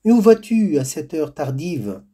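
Man doing old village woman, storybook tale, raised voice, kind warnings, husky, slow. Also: a little high, sing-song, pitched above the performer's own voice, heavily acted. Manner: warning, gently admonishing.

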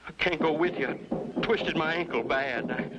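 A man's voice: fairly high pitch, normal speed, very noisy, natural voice. A man voicing a fretful middle-aged rancher and father in a cartoon, speaking in an emphatic way. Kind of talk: 1950s cartoon voice acting. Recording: dull lo-fi soundtrack with music.

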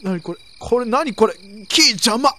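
A young woman streamer chatting excitedly through a horror game, with sudden shrieks. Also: a little high, unhurried, a little hiss or hum. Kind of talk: let's play commentary.

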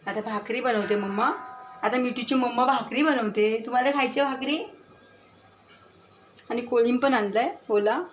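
A woman's voice: fairly high pitch, moderate pace, long pauses, far from the mic, faint music behind. A woman chatting casually to viewers and her pet bird while she cooks dinner at home. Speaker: home cooking vlogger. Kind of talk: casual kitchen vlog chat. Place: home kitchen. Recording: echoey kitchen from off-mic. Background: clatter of pots and dishes.

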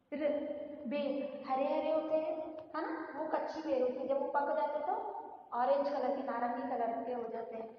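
High-voiced teacher in an echoey room. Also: female voice, a little hiss or hum. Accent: Indian Hindi. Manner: slow syllable-by-syllable spelling, drilling pronunciation. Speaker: primary school teacher. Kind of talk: online class lesson. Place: classroom with a board. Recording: echoey distant room recording, dull sound.

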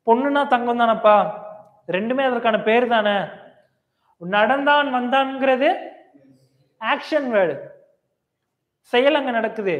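A man teaches a grammar lesson with a high voice, questioning his students and repeating each key point. The sound is thin and phone-like. A long reverb from the lecture hall trails every phrase. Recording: echoey, tinny lo-fi hall recording.

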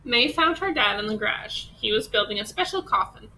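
A woman teacher reading a children's picture book aloud, expressive and unhurried. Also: a little high, slight background noise, rough recording. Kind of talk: children's storybook read-aloud.

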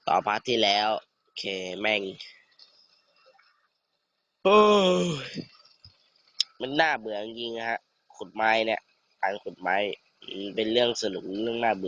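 A teenage man giving casual, excitable commentary over a survival game, swearing and bantering with a friend. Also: mid-range voice. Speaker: gamer.

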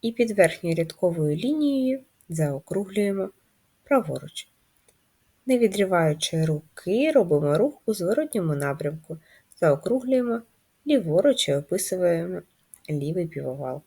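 A woman teaching a first-grade class, reading riddles and guiding letter writing in a slow, sing-song manner for young children. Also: fairly low pitch, big pitch swings, warm tone, slightly rough. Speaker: primary school teacher. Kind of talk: first-grade handwriting lesson.

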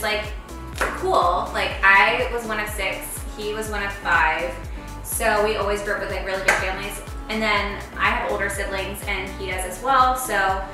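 In her late 20s, a bubbly lifestyle vlogger chats casually while cooking in a large home kitchen, leaning heavily on "like" in a medium-pitched voice. A far-off camera mic catches her in the echoey room, with music playing in the background.

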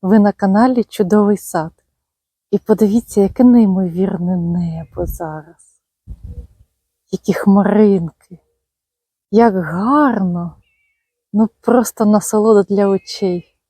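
A woman strolls through her garden talking casually to her viewers, fond and chatty, with lots of little endearments. Her voice is very dark and mellow with a husky, breathy edge. It sounds close and dry outdoors. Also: mid-range voice, measured pace, long pauses, no echo. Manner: chatty and fond, full of tender diminutives. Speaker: gardening channel host. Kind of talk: casual garden walk-and-talk.

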